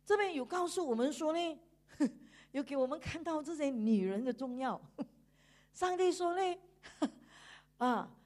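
High-voiced woman preaching a sermon. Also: measured pace, long pauses. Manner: animated, laughing often, emphatic sentence-final particles.

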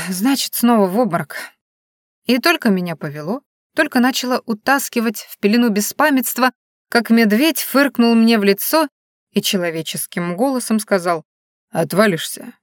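A woman's voice: a little high, dry recording, studio quality. Woman narrating a wry first-person tale. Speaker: audiobook narrator.

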